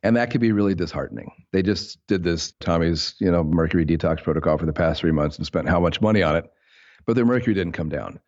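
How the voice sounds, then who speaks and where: A man's voice: low voice, fast, darkish tone, highs cut off. An American man hosting a podcast, a clinician talking casually and enthusiastically with his guest. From United States. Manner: enthusiastic, affirming.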